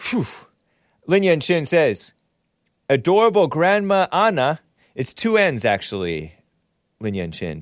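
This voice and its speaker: Male live stream host, mid-pitched, informal and rambling, reads and answers chat, very dry recording. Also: dry recording. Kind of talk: casual live stream monologue, reading and answering viewer messages.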